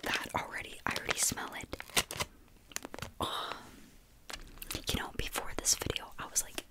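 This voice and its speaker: A young woman whispering softly in a chatty ASMR snack-tasting video, with eating sounds between her words. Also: normal speed. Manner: chatty, says like and you know often.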